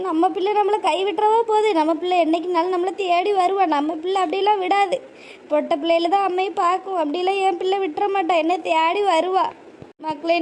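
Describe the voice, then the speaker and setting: A woman voicing a doting, tearful old village mother, speaking softly and plaintively. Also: extremely high pitch, slight background noise. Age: older. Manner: pleading, soft and plaintive. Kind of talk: cartoon voice acting.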